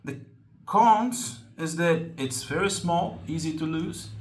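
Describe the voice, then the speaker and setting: A Brazilian man whose native language is Portuguese runs a slingshot channel and explains a tool in English, speaking casually and haltingly with lots of ums and restarts. His voice is fairly high with a darkish tone, and the recording sounds roomy with slight background noise.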